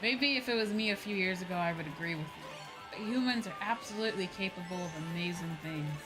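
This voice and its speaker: A woman with a lowish voice talks quickly in a rough recording. She's a VTuber host on a casual gaming stream, emphatic, opinionated and freely cursing, with video game music in the background.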